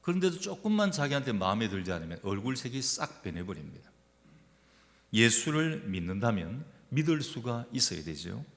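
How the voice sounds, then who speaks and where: Lively preacher in a reverberant hall. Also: male voice, mid-range voice, brisk. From Gyeongsang region, Korea. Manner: emphatic, addresses the congregation with rhetorical questions. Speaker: pastor. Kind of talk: sermon. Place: church sanctuary. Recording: long church-hall reverb.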